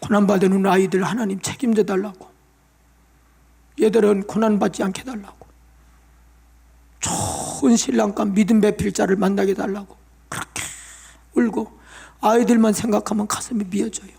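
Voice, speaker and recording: High gravelly-voiced male pastor preaching. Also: steady tone, normal speed, pauses often, warm tone. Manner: emotional testimony, tearful pleading prayers. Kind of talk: sermon. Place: church sanctuary.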